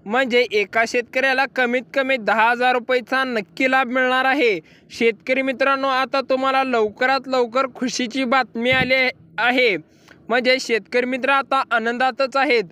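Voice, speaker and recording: Marathi guy doing farmer news for his channel, bright clear voice, keeps saying farmer friends. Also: extremely high pitch, little pitch movement, moderate pace. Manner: repetitive, addresses listeners as farmer friends. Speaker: farm news channel host. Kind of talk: informal news explainer for farmers.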